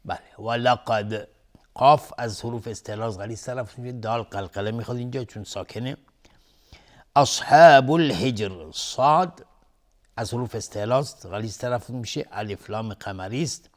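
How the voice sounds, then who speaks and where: Calm man teaching Quran recitation. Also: fairly low pitch. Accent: Persian. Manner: calm explanatory speech, recited verses drawn out slowly and chanted. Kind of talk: tajweed lesson, explaining then reciting.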